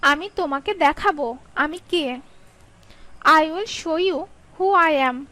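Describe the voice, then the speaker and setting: Very high, very slow woman teacher. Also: bright, forceful tone, poor audio. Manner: slow, carefully spaced delivery, Bengali read quickly, English drawn out. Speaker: English teacher. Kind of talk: slow sentence drill, reading each English sentence twice.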